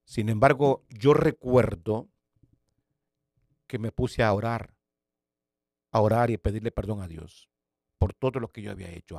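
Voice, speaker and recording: Evangelist guy in his 50s telling his testimony, big swings loud to whisper-quiet, repeats words for effect, dry close sound. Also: medium pitch, creaky, dry recording. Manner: dramatic storytelling, swinging between loud bursts and hushed near-whispers. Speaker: evangelist pastor. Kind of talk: personal faith testimony.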